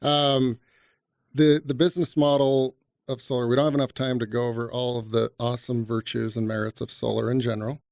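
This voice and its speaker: A man's voice: mid-range voice, little pitch movement, brisk, creaky, darkish tone, dry recording, studio quality. A man hosting a podcast interview, easygoing and joking. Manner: easygoing, joking, laughs often. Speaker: podcast host.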